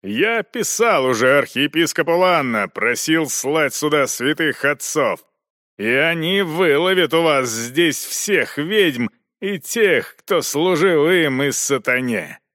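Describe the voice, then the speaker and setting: A man reading an audiobook, voicing a stubborn knight inquisitor who speaks loudly and firmly in measured phrases. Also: a little high, lively intonation, no echo, clean studio sound, pitched above the performer's own voice. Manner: firm, loud, measured. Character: stern stubborn male knight inquisitor, bold.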